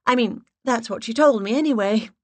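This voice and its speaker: A woman puts on an exaggerated English accent to play a giggly, gushing flirt, her voice high, breathy, fluttery and effusive. She talks a little fast in a natural voice, and the recording is dry.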